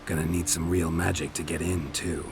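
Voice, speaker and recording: An actor playing a gruff, world-weary monster hunter in a video game, terse and dry with a gravelly voice. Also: male voice, low-pitched, level tone, normal speed, background noise. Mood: dry, laconic.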